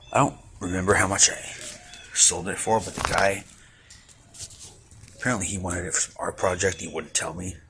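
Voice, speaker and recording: A young man in his twenties talks in a deep, gravelly voice, tossing off mumbled asides and casual swears as he works. He is recorded on a camera mic in a backyard, with plenty of outdoor noise behind him. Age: 20s. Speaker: vlogger. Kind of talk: casual rambling commentary while working. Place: outdoors in a backyard under a roof.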